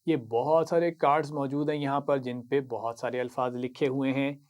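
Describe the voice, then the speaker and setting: A man with an Urdu accent teaching Quran reading, patiently explaining each word, reciting it slowly and praising the learner. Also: mid-range voice, little pitch movement, darkish tone, clear, resonant tone. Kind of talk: slow instructional lesson.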